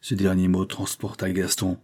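A man narrates a classic novel in a steady, dramatic manner. His voice sits low, with a dark, breathy tone. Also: normal speed. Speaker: audiobook reader.

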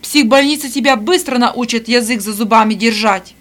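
A woman reading an audiobook voices a domineering middle-aged mistress who shouts and scolds harshly. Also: high-pitched, a little fast, pitched above the performer's own voice. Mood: shouting furiously.

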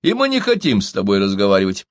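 A man's voice: on the low side, wildly swooping pitch, fast, dry recording, studio quality. A man voicing a mocking young villager who answers with scorn.

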